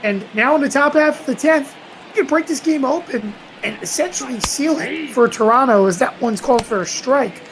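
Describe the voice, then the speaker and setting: High-voiced woman calling baseball, noisy recording. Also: moderate pace. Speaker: play-by-play baseball commentator. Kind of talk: live sports commentary on a fan stream.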